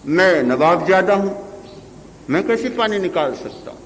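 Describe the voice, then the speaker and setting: A man's voice: sits high, lively intonation, unhurried. An older man voicing a pompous, self-important nobleman in a sermon parable. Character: self-important nawab guarding his dignity. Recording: reverberant hall with faint hiss.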